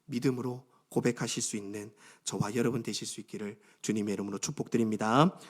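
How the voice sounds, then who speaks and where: A male pastor preaching a sermon, dropping to hushed near-whispers and then rising to fervent, almost shouted declarations as he acts out prayers and taunts. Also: lowish voice, steady tone, fast.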